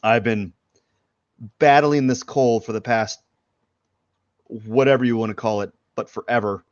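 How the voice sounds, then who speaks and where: An artist streaming a drawing session rambles loosely through casual live commentary, sniffling from a head cold and using many fillers. His mid-range voice is steady and measured. The recording is dry, with dull lo-fi stream audio.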